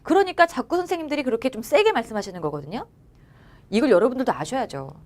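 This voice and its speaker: A woman's voice: fairly high pitch, sing-song, fast, a little mellow. A young woman teaching at a cram school, giving a motivational talk to exam students and coaxing them along with frequent check-ins. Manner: coaxing, often asks "알겠죠?" and acts out students' and teachers' lines. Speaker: academy teacher.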